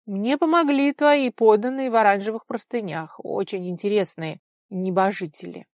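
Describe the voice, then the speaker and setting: A woman reader voicing a gentle, teasing young man in love, soft and soothing in manner. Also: medium pitch, normal speed, no room sound, clean studio sound, natural voice. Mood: tender.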